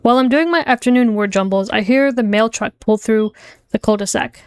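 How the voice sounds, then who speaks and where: A woman's voice: on the high side, a little fast, smooth, no echo. A woman streamer reading a visual novel aloud, with playful, chatty narration.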